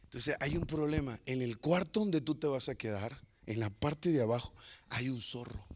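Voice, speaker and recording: A man pastor preaching a sermon, telling a story with humor and swinging between loud and hushed delivery. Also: medium pitch, moderate pace, a little hiss or hum.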